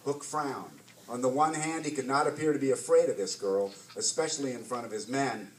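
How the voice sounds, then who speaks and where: A man, an author, reading his story aloud to a bookstore audience with animated, dramatic narration. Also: mid-range voice, a little fast. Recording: roomy, distant mic, faint hiss.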